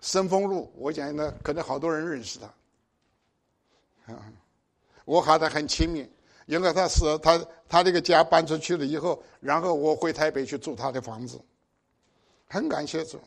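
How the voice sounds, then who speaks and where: High-voiced older preacher, exhorting. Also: male voice, normal speed, creaky, long pauses. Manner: exhorting, with pointed rhetorical questions. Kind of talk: sermon.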